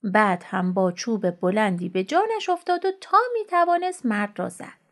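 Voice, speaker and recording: A woman reading a folk tale aloud in a measured storybook narration. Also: mid-range voice, lively intonation.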